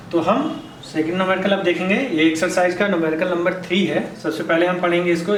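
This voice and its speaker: A male physics teacher giving a lesson at a board, asking questions and answering them himself, repeating key steps and reading problem text slowly word by word. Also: sits high, slight background noise. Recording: echoey room, somewhat far from mic.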